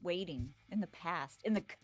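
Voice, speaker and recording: A woman co-hosting a live stream, soft-spoken and giggly, chatting and reading viewer messages aloud. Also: lowish voice, lively intonation, normal speed, soft background music. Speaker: co-host.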